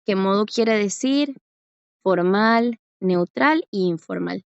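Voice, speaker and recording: In a patient classroom lesson, a Costa Rican Korean teacher uses an expressive, creaky, medium-pitched voice with a clear, resonant tone. She drags out example words slowly, spells them and keeps checking understanding with rising questions, all in a close, dry, slightly muffled recording.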